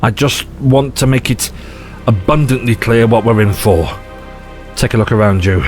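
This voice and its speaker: A man acting in an audio drama as an eccentric, excitable time-travelling adventurer, theatrical and given to rambling digressions. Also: medium pitch, moderate pace, close to an everyday voice. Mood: grave, sorry. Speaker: lead actor in an audio drama. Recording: music under the voice.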